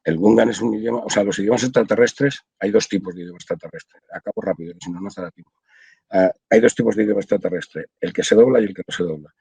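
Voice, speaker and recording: A man's voice: lowish voice, fast talker, vocal fry, darkish tone, husky, no echo, poor audio. An older man from Spain, a translator, explaining his work at length in a casual video-call interview, with many restarts. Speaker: audiovisual translator, interview guest.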